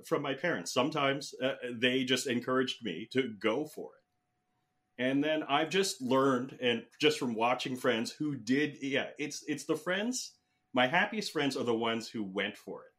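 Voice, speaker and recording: This guest, a man in his fifties from the Philippines, chats through his story in a loose interview, full of fillers and false starts. He speaks at a measured pace in a mid-range, fairly bright voice with lively intonation.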